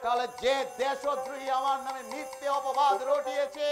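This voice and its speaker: A man's voice: extremely high pitch, level tone, moderate pace, over music. A man playing an earnest, defiant young patriot in Bengali folk theatre, declaiming formally and passionately with a Bengali accent. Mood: solemn, resolute. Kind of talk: historical Bengali jatra folk theatre acting.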